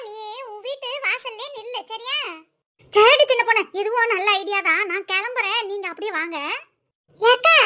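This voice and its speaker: Nosy, teasing village women from a comedy cartoon, all done by a woman. They scold and tease in a very high, squeaky voice with a bright, sharp tone. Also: heavily acted. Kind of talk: animated comedy dialogue.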